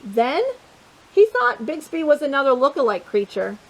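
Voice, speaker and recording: Reading a picture book to children, a woman hosting storytime brings it to life expressively, breaking off for chatty remarks and questions to the kids. She has a high voice and a moderate pace, captured on a low-quality recording.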